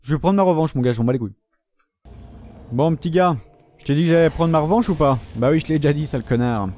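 A young man giving joking, foul-mouthed commentary while playing a video game, often shouting at enemies. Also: on the high side, fast talker, a little hiss or hum. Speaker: gaming video host. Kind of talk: casual let's-play commentary.

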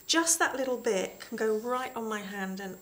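A woman's voice: fairly high pitch, normal speed, fairly bright tone. A middle-aged British woman as a guest expert, enthusiastically explaining a product in a home shopping demonstration. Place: small indoor studio.

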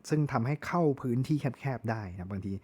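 A man's voice: medium pitch, expressive, fairly quick, darkish tone, husky. A Thai man giving a chatty tool review, often correcting himself and spelling words out. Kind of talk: casual product review.

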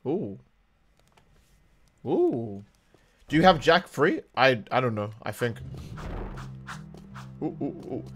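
Excitable swearing streamer guy. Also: medium pitch, slow, long pauses, soft background music. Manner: rambling, swearing, reacting loudly to the game. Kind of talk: casual gaming stream chat.

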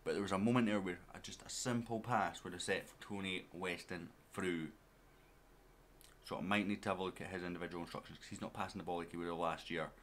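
A man's voice: sits low, steady tone, fast, a bit bright, a little hiss or hum. A man giving casual let's-play commentary as a gaming YouTuber, chatting straight to his viewers and to his players.

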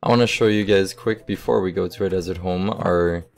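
A young man giving relaxed, casual commentary over his game, thinking aloud as he sorts items, with the hiccups. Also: sits low, fairly quick, creaky. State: has the hiccups. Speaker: gaming YouTuber.

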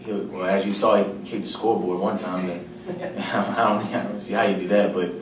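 A man answering questions after a game in a low-key, matter-of-fact way. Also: little pitch movement, normal speed, noisy background. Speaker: football player at a postgame press conference. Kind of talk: postgame press conference answers. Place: large press room. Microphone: table mic, heard from a distance. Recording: roomy, distant press room audio.

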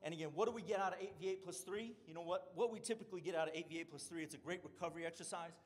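His slightly high voice races along as this middle-aged strength coach presents at a conference. He explains things by repeatedly tossing in "right?" to check with the audience.

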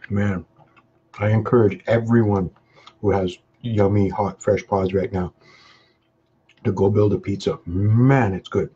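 His voice is mellow and fairly even, a little slow, with frequent pauses. He's a Canadian hot sauce vlogger casually chatting live on webcam while eating spicy pizza, humming, chewing, and sweating from the peppers between short lines. Recorded on a webcam mic, the audio is dull, low-fi, and faintly noisy.

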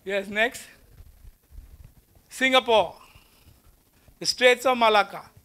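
Pacing the stage and gesturing, this guest lecturer, a man in his fifties with an Indian English accent, talks to students in a big auditorium in a conversational style. His high-pitched voice is sharp yet smooth, and he takes his time, asking rhetorical questions and mixing in Hindi, captured on a lapel mic.

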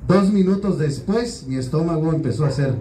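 A man's voice: fairly high pitch, lively intonation, fairly quick, mellow, far from the mic. A man with a Mexican accent doing a crude, slang-heavy stand-up routine. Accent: Mexican Spanish. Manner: crude, slangy storytelling, frequent "güey". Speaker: stand-up comedian. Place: small open-mic venue. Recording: roomy, from off-mic with faint room noise.

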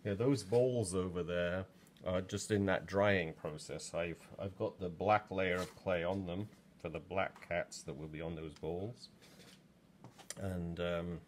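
Recorded over his shoulder in a pottery studio, an English man in his sixties gives a rambling, um-filled demo as he works. He speaks low and unhurried, in a steady tone, against slight background noise.

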